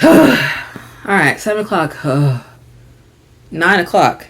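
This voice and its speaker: A young woman vlogger telling a story in casual chat, slangy and animated, dropping to hushed asides and rising to loud exasperated bursts. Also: on the low side, extremely slow.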